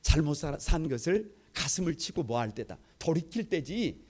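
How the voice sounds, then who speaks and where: A middle-aged man preaches in a church Bible class, his voice mellow and warm yet rising high and swinging widely in pitch. He hammers his points home by repeating phrases and firing questions at the congregation, then answering them himself. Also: big pitch swings, moderate pace. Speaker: pastor. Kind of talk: sermon, Bible study lecture.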